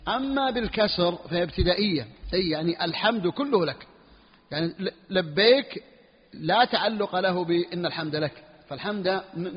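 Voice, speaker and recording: A man teaching a religious text in a classroom lesson, repeating phrases slowly for his students. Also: high voice, breathy edge. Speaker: Islamic scholar teaching a book. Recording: dull lo-fi recording in a reverberant hall.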